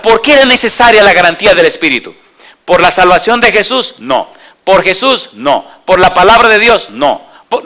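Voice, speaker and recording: Pastor predicando con fuerza, voz brillante. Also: male voice, on the high side. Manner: preaches with many rhetorical questions to the congregation, lively storytelling. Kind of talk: sermon.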